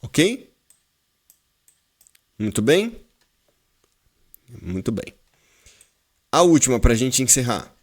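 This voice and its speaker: A man with a Brazilian Portuguese accent teaching a class, explaining slowly and repeating words while quizzing his students. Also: mid-range voice, sing-song. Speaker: Hebrew teacher. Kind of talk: classroom lesson.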